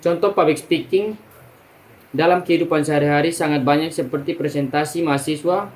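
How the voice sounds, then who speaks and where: A young man, a student, reading a class presentation in a steady, list-by-list way, now and then clearing his throat and restarting a word. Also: on the high side, a little fast, low-quality recording.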